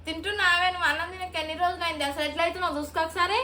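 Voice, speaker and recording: A high-voiced woman scolds quickly as a mother in a comedy skit. Her voice echoes in a room with a faint hum of background noise. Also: steady tone, pushed and bright. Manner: scolding, brisk. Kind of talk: scolding sketch dialogue.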